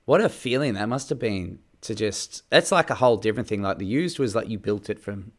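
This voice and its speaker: A man's voice: lowish voice, animated, a little fast. A man hosting an interview, chatting casually and reacting with enthusiasm. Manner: enthusiastic, slangy, brief reactions. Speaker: podcast host.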